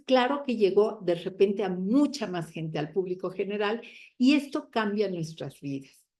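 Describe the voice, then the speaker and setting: Woman teacher lecturing. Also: medium pitch. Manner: lively, many fillers and self-corrections. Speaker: university teacher giving a lecture. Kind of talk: conference talk.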